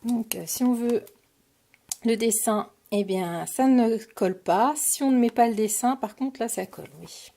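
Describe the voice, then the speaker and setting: A woman's voice: fairly high pitch, measured pace, vocal fry, dark tone. A French woman casually showing her craft supply purchases on camera, talking with many hesitations and fillers. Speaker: crafting vlogger. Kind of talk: casual product haul.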